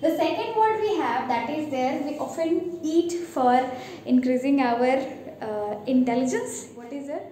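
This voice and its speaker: Slow, high-voiced Indian English teacher. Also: female voice, lively intonation, warm tone. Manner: quizzing, repeats words and spells them letter by letter. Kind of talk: bilingual vocabulary lesson. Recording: very echoey room, faint background noise.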